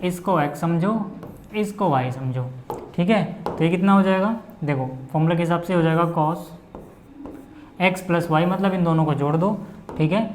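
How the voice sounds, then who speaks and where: A man's voice: on the high side, moderate pace, a little mellow, a little hiss or hum. Chatty male maths teacher. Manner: chatty, keeps checking in with "okay"; calls viewers brother in a friendly way. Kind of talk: blackboard lesson explanation.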